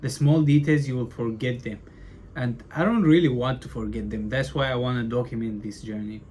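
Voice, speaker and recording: A young man vlogs casually to his camera, documenting his business in a loose, rambling way, saying "like" and "bro" a lot and stuttering at times. His mid-range voice is a little fast and a little mellow, with slight background noise.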